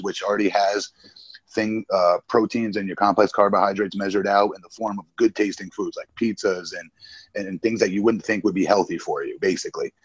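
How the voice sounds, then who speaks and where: A man's voice: fairly low pitch, no room sound. Brash man in his forties, lo-fi. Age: 40s. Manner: brash, boastful banter. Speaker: guest wrestler. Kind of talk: casual podcast chat.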